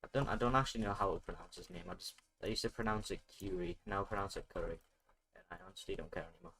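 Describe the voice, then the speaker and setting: A young man talks through his game in a low, gravelly voice. He mutters to himself and swings between calm remarks and flustered outbursts. His pitch moves around a lot. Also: very fast. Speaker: gamer streaming gameplay. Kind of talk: casual gaming commentary.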